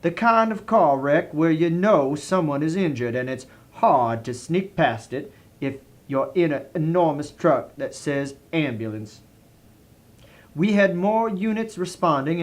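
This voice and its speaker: A man's voice: fairly high pitch, animated, a little slow. A man with a Southern US accent reads a comic written review as a dramatic story, in a theatrical, genteel manner.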